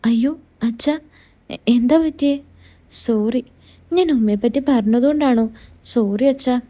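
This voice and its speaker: A woman's voice: on the high side, unhurried, warm tone. A woman voicing a caring, affectionate young daughter-in-law who talks in a coaxing, reassuring way. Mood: apologetic.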